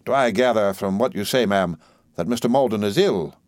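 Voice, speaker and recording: A man voicing a grave, measured middle-aged lawyer who speaks dryly. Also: lowish voice, a little mellow, no echo, clean studio sound, lightly acted.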